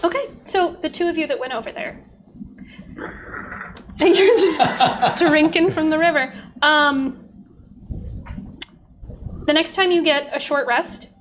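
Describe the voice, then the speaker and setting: A woman narrating a tabletop game as game master, describing scenes in halting, piece-by-piece phrases. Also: high-pitched, slight background noise. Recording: background music.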